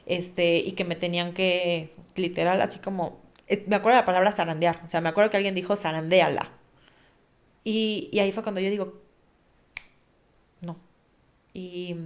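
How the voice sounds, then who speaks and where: A lowish-voiced woman appears as a podcast guest, earnestly recounting a personal story. She vividly acts out what people said along the way.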